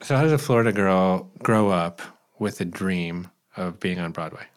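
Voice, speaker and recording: A middle-aged man with a low voice hosts a podcast interview, first reading a scripted intro and then asking measured, earnest questions. The recording is dry.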